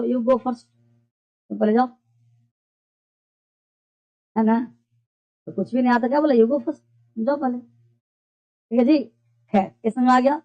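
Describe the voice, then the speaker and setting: A woman's voice: a little high, warm tone. A woman teaching a basic English class, explaining phrases patiently and quizzing her students with repeated questions. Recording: dull lo-fi classroom recording.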